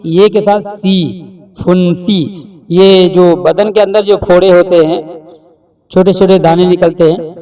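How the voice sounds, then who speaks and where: A man teaching a beginner reading lesson, slowly sounding out each word, repeating it and quizzing the listener. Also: high voice, warm tone, recorded from a distance.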